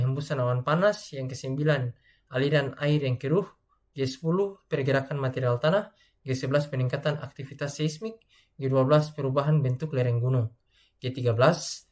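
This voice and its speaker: A young man from Indonesia talks through a class presentation. His pitch sits in the middle range for a man. He stops and starts often and reads long lists of codes one after another. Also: darkish tone. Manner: hesitant, many filler sounds, reads lists of codes. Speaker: student presenter.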